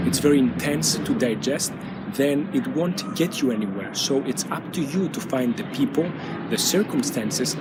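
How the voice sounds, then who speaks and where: A Greek-speaking channel host and stuttering coach gives a motivational talk straight to camera, earnest and measured, with frequent pauses and small hesitations filling the gaps. His voice sits at an ordinary middle pitch. He is outdoors, with loud car traffic rumbling close behind him.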